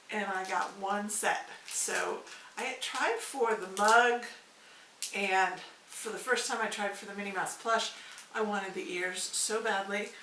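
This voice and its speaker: A woman's voice: mid-range voice, fairly bright tone, a little hiss or hum. A woman in her fifties chatting in a casual home vlog, gushing and playful as she shows off her collectibles. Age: 50s. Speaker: vlog host showing collectibles. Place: home room. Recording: echoey room, mic at a distance.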